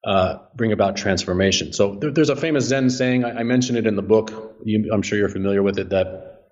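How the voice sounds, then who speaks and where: A man who is an author and Zen teacher, answering interview questions in a measured, earnest way and often repeating words as he thinks. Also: lowish voice, darkish tone, dull audio. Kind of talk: podcast interview.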